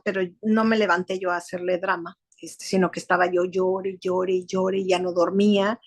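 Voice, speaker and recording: A woman with a Mexican accent giving an emotional, earnest personal testimony to a support group, often adding a questioning "no?" and repeating words. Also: mid-range voice. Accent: Mexican Spanish.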